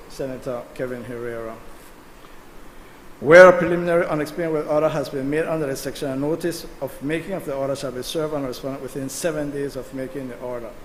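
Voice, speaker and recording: A man giving an emphatic, combative speech as a senator in a parliamentary debate, addressing the chair. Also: a little high. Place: legislative chamber. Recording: echoey chamber with long reverb, faint noise.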